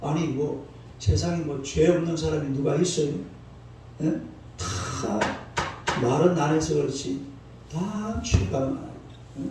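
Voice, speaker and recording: Unhurried and pausing often, a pastor in his sixties with a fairly high voice preaches a dawn sermon, scolding in a folksy way and getting the congregation to respond. The church hall echoes, the mic is far away, and faint noise lingers in the background.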